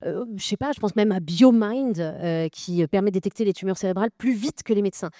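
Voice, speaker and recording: A woman's voice: mid-range voice, quick pace, warm tone, dry recording, studio quality. A woman moderating a debate, asking long questions with many filler sounds.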